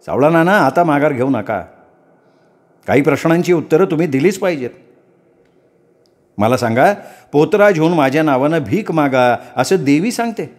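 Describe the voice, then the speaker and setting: A man voicing a rational young village man who questions his elders quickly and pointedly. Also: on the high side, lively intonation. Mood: challenging. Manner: quick, challenging. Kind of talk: dramatic storytelling.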